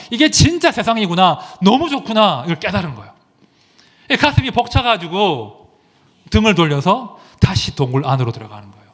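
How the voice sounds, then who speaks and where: A male pastor preaching a sermon, telling a story with lively rises and drops and asking the congregation questions. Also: sits high.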